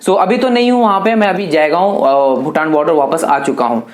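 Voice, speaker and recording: A man's voice: fairly high pitch, brisk. An eighteen-year-old man answering viewer questions in a casual, chatty vlog, loosely talking to viewers as brothers. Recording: echoey room.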